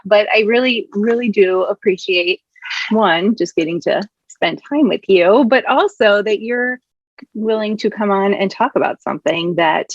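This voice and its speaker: A woman's voice: medium pitch, no room sound, muffled recording. A woman hosting a podcast, earnest and upbeat as she introduces her topic and guest. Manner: earnest, upbeat, frequent laughs. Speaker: podcast host. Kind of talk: casual podcast interview.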